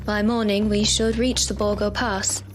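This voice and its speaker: A woman's voice: mid-range voice, level tone, normal speed, lightly acted. A woman playing a brave, haunted young Victorian lady, narrating a perilous journey in an audio drama. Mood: sober. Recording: dramatic music under the voice.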